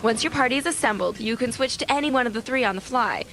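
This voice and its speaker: A woman's voice: on the high side, fast talker, fairly bright tone, soft background music. A woman co-hosting a video game review show, reading scripted reviews with dry, wisecracking jokes. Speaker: TV show co-host.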